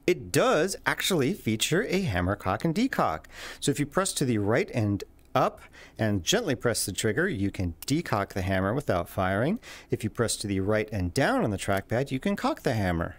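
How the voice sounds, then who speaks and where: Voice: medium pitch, sing-song, normal speed. A host giving casual, jokey commentary over a video game, playful and given to exclamations. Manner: playful, exclaiming, swearing at slips.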